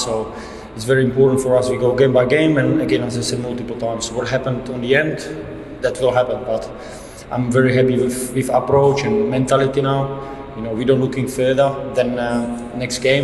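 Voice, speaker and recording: At a post-match presser, a man in his thirties who coaches football fields reporters' questions into a table microphone. His voice is medium-pitched and darkish, the wording fairly plain with frequent restarts, and the echoey room adds reverb over slight background noise.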